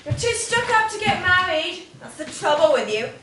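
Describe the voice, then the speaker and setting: A woman's voice: very high-pitched, big pitch swings, moderate pace. A teenage girl acting a cranky older lady passenger who scolds indignantly in a school play. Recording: echoey school stage from far off, loud hiss.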